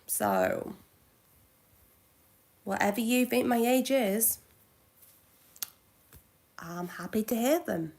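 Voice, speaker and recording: Slow-talking woman in her twenties. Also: fairly high pitch, expressive, creaky. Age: 20s. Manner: halting, self-correcting, with soft asides. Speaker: livestreamer. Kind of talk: casual live Q&A chat.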